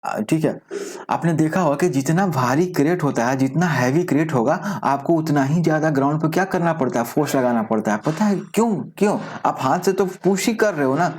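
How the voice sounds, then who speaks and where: A man teaching a school science class online, often asking rhetorical questions and mixing in English terms, reading definitions out slowly. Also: on the high side, a little mellow. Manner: explains with frequent rhetorical questions. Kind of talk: recorded online class lecture.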